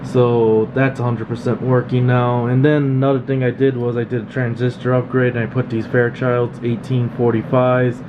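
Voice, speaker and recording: With a steady hum of room noise behind him, a repair technician demonstrates his work informally and plainly. He talks at a medium pitch and moderate pace with few pauses, and the recording from the indoor electronics workshop is slightly dull.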